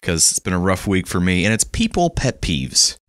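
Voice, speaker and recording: Deep-voiced man casually telling stories. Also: big pitch swings, normal speed, a bit bright, dry recording, studio quality. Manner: chatty storytelling, laughs easily. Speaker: podcast co-host. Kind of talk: casual chat. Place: small office recording booth.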